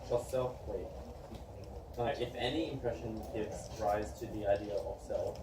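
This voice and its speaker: A male student reading a text aloud in class, halting and stumbling over words. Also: on the low side. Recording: echoey room from far off, clear background noise.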